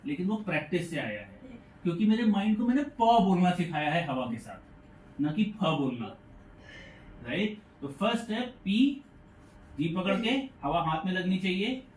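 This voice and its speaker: A man teaches a pronunciation lesson, patiently drawing out sounds to show how they are made. His voice sits a little high and is picked up from a distance. The room echoes noticeably, with a faint hiss underneath. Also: a little mellow. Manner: patient, repeats sounds slowly to demonstrate. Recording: echoey room, mic far off, faint noise.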